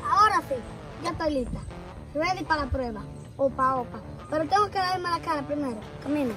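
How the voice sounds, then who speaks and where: Skip. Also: female voice, high-pitched, lively intonation, a little fast, music in the background, low-quality recording. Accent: Dominican Spanish. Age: child.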